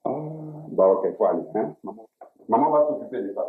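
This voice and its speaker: A man's voice: a little fast, a little hiss or hum. A man with an Ivorian French accent playing a broke father in a comedy sketch, exasperated and tagging his lines with "hein?". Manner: exasperated, lively pitch, tags lines with "hein?". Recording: tinny lo-fi audio with room echo.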